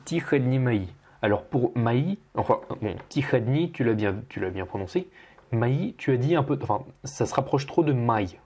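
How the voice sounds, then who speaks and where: A man teaching pronunciation as he corrects a student, patiently repeating each word slowly. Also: mid-range voice, darkish tone, slightly rough. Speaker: Russian language teacher.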